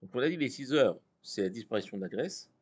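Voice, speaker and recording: A man's voice: mid-range voice, expressive, fast, darkish tone, husky. A man teaching an interactive Torah class, reading Hebrew passages aloud and explaining them to his students. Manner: explains text, reads Hebrew passages then translates.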